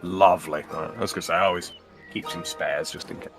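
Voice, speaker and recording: A man's voice: deep voice, fairly even intonation, soft background music. A man casually chatting and telling stories with friends while streaming an online game, laughing often. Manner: laughs often, drawn-out storytelling. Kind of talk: casual gaming chat.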